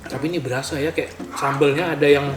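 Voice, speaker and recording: Chatting casually over food, this male podcast host talks fast with a fairly high pitch and fairly even intonation. His mouth is sometimes full as he eats. Music plays behind him in an echoey room.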